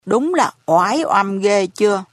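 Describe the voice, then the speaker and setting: A woman voicing a hard-of-hearing elderly landlady who speaks in a slow, lamenting, folksy way. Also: mid-range voice, expressive, dry recording. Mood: lamenting, gossipy.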